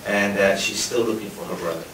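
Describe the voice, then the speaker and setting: Deep-voiced man on a panel, distant and roomy. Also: steady tone, fairly quick, fairly bright tone. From Guatemala, raised in New York. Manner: earnest, loose and spontaneous. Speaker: forensic anthropologist panelist. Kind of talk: panel discussion. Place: lecture hall. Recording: roomy hall, distant mic, noisy.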